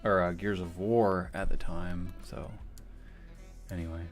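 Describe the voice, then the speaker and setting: Young male streamer, casual and profane, slow unhurried delivery. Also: sits low, flat delivery, over music. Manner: rambling, casual, swears often. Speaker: livestreamer and animator. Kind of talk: casual livestream commentary.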